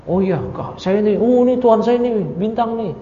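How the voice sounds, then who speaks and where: A man's voice: sits high, a little fast, mellow, a little hiss or hum, voice pushed up, lightly acted. A man voicing a prophet who mocks star worshippers in a teasing, mock-naive way. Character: prophet mocking star worshippers, male adult. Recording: echoey hall, dull lo-fi sound.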